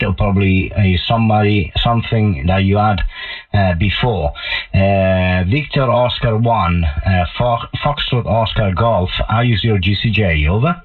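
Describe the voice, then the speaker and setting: A man with an Italian accent talking as an amateur radio operator over a radio link, in halting phrases with many pauses. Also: fairly low pitch. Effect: radio transmission. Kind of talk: ham radio contact talk. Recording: tinny narrow-band radio sound.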